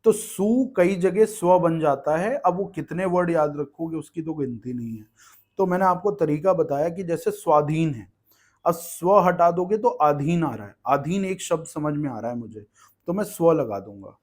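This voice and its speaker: A man's voice: on the high side, normal speed, darkish tone. A man teaching an exam-prep grammar lesson, explaining patiently and checking in with the class again and again. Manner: explains patiently, asks "ठीक है" often.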